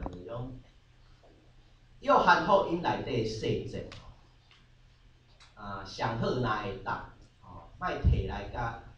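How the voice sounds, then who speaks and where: A man with a medium-pitched voice leads a conversational Bible study class, answering students and mixing English terms into his explanations along with frequent filler particles. The audio is dull, with his voice distant in a very echoey room and a faint hum behind it.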